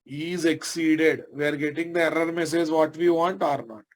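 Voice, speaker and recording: A man with a Telugu Indian accent and a slightly higher-pitched voice teaches programming. He talks informally and conversationally, as an instructor in a live lesson. He often addresses his listeners directly and puts checking questions to them. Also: steady tone, fairly quick.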